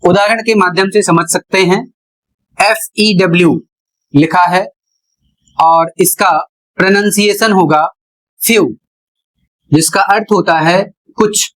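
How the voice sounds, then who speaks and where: Slow, patient male teacher. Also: high voice, a bit bright, low-quality recording. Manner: patient, step-by-step, repeats and spells out words. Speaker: English pronunciation teacher. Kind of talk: explanatory lesson.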